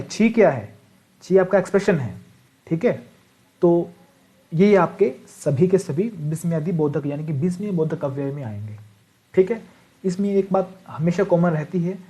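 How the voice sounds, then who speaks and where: A man's voice: fairly high pitch, darkish tone. A male teacher giving an online exam-prep grammar lesson, writing on a board as he explains and often asking rhetorical questions and checking in with "ठीक है". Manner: writes on a board while explaining.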